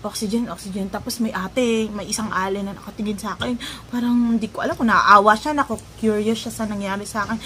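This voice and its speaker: Animated woman telling a story over noise. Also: mid-range voice, a little fast. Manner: animated, laughs at her own story, jokes. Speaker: vlogger recounting a personal ordeal. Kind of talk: casual storytelling. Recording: noisy ambience behind voice.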